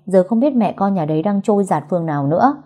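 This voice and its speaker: A woman voicing a young female friend in an audio story, who gossips bluntly and teases. The tone is dark and mellow, slightly husky. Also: mid-range voice, animated, quick pace, natural voice. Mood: gossipy.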